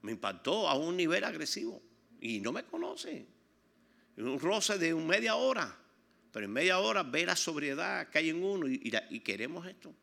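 A man's voice: fairly high pitch, moderate pace, gravelly. An older man from Cuba with a Cuban accent, preaching a testimony and telling stories animatedly, acting out the people in them. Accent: Cuban Spanish. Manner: animated storytelling, acts out quoted people. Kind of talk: sermon testimony.

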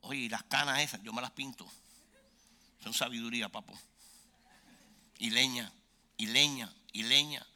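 A man of about sixty preaching a humorous sermon, joking with the crowd and swinging between loud outbursts and low asides. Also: unhurried, pauses often.

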